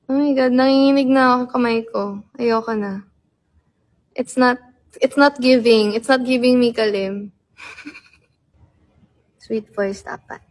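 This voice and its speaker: High-voiced young woman chatting playfully. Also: fairly even intonation. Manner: playful, laughing, teasing, switches to slow soft tones. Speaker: livestreamer. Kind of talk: casual livestream chat.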